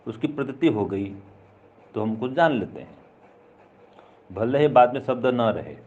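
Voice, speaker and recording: A man's voice: mid-range voice, a little mellow, dull audio. Man patiently explaining an old text. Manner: patient, repetitive explaining with examples. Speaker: philosophy teacher.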